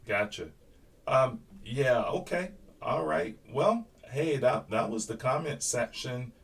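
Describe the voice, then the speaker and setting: A man's voice: medium pitch, animated, takes it slowly, vocal fry. A man hosting a casual live interview, easygoing and affirming. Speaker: host. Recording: distant mic with faint noise.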